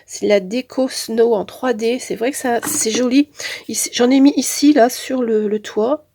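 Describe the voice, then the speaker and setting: Female craft vlogger, higher-pitched, slightly husky, stuffed-up nasal voice from a head cold, casual showcase narration. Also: steady tone, a little slow, warm tone. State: has a head cold with blocked nose. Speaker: craft channel host.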